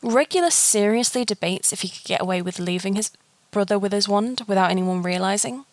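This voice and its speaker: Woman narrator, mid-pitched, reading a story steadily; close, dry recording. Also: a little fast, no echo. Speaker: fan fiction reader.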